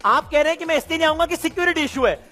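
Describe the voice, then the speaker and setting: Insistent high-voiced man over loud music. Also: racing. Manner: insistent, argumentative. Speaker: studio panelist. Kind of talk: heated debate.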